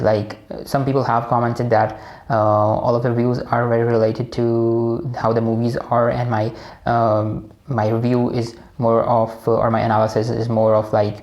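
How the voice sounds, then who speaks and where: A man with a Pakistani accent hosts a casual personal book analysis, rambling with many fillers and restarts. His voice is medium-pitched with a darkish tone.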